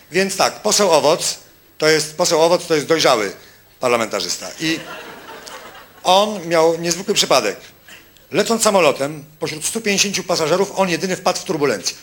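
A male stand-up comedian on stage, delivering a mocking monologue with quick punchlines and asides to the audience. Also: a little high, noisy background. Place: stage before a live audience.

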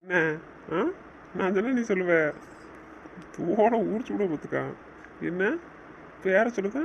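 A young man speaking softly to his wife in a coaxing, gently teasing way. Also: high voice, measured pace, creaky, slight background noise. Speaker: husband in a couple's chat. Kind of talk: casual couple banter. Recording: muffled lo-fi recording.

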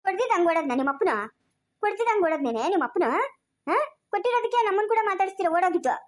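A woman acting a sharp-tongued, scolding elder of the household in an amateur family drama. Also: very high voice, animated, rapid-fire.

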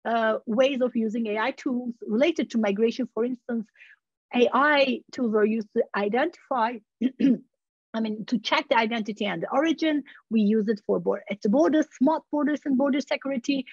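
This woman's voice is a little high and slightly rough, at a normal speed, in a dry recording. She's a researcher from Turkey lecturing in an academic webinar via laptop video call, with muffled sound. Her tone is informal, peppered with "you know, like" asides, and she often corrects herself.

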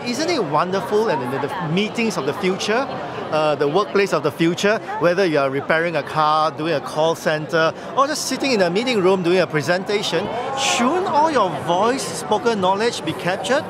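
A man, giving a brisk, persuasive product pitch at a trade show, filling gaps with "uh". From Singapore. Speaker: company tech chief giving a product demo. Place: busy indoor trade-show hall. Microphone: handheld camera mic held close. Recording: loud trade-show crowd. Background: loud crowd chatter.

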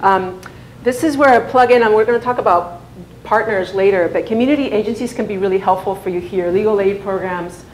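This woman's mid-range voice runs a little fast as she presents at a conference in a big hall. She's in her thirties, grew up in Spain speaking Spanish from birth, and talks conversationally, often filling and restarting. Echo and a faint hum fill the recording.

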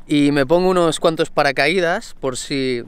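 Chatty young man, smooth voice. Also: on the high side, moderate pace. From Spain. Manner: chatty, laughs often, slang-heavy. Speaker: vlogger. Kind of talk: casual vlog talk.

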